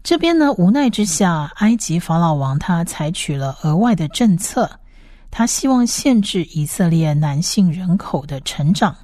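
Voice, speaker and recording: A woman teaching a Bible study lecture, explaining passages in a steady way and reading scripture aloud. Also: lowish voice, normal speed, no room sound, clean studio sound.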